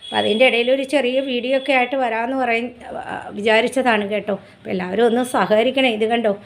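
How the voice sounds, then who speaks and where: A woman chatting casually to her viewers about her home chores, often cooing to her pet dog in a high sing-song voice. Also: fairly even intonation, quick pace, slight background noise. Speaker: vlogger. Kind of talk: casual home vlog chat.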